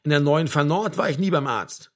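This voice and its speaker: A man's voice: a little high, fairly quick, close to an everyday voice. A man voicing an irritated, defiant young male patient who argues back in an indignant tone. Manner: indignant, argumentative.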